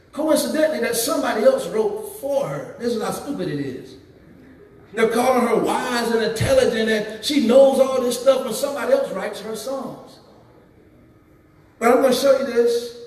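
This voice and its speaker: Man, preacher, high voice, emphatic, scornful, echoey hall, distant mic. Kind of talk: sermon to a youth revival.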